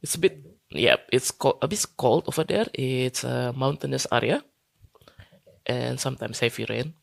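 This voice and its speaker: A man from Indonesia in his thirties answers interview questions in a hesitant way, full of fillers and restarts. His voice is gravelly, and it is recorded dry and close. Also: medium pitch, normal speed, dry recording. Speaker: guest consultant. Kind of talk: casual interview talk.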